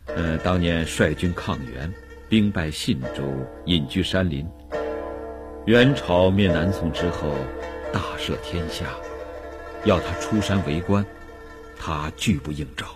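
An actor playing a calm, unbending male revolutionary prisoner from Yiyang, in a measured, dignified radio drama voice. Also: low voice, music in the background. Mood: calm, earnest. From Yiyang, China.

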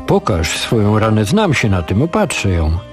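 A man's voice: on the low side, wildly swooping pitch, normal speed, faint music behind. A man reading the lines of an anxious young husband who pleads urgently with his father in a storybook reading. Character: anxious young married man, the old man's son.

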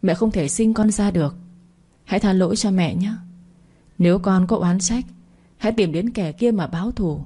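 A woman's voice: mid-range voice, moderate pace, long pauses, dark tone, slightly rough, natural voice. A woman voicing a frightened young pregnant woman who pleads through tears. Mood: tearful. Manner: tearful and pleading.

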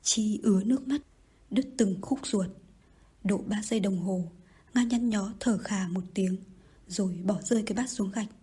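A woman narrating an audiobook in a soft, at times whispery delivery. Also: mid-range voice, moderate pace, slightly rough.

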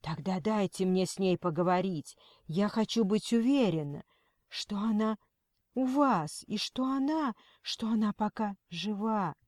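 Lady playing a scared but tough mom haggling, agitated, slow. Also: medium pitch, a little mellow, no echo, clean studio sound, close to an everyday voice. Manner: agitated, firm. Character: frantic but stubborn middle-aged mother.

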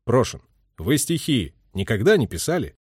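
A man voicing a tired male army captain who speaks calmly, dryly and with authority. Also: medium pitch, moderate pace, slightly rough, no echo. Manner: calm, dry, authoritative.

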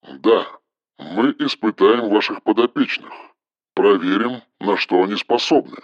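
A man reading an audiobook, voicing a cold, commanding engineer who gives flat, toneless orders over the phone in a metallic voice. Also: fairly low pitch, unhurried, no echo, dull audio, voice pushed down. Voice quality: metallic timbre.

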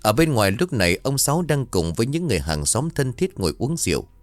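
A man narrating a ghost story in a dramatic, expressive way. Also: medium pitch, quick pace, no echo. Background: faint music.

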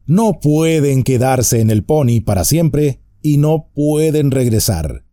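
A man voicing a grim, weathered male ranger who speaks calmly and firmly. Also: mid-range voice, no room sound, studio quality, pitched above the performer's own voice. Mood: wry. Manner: calm, measured, quietly firm.

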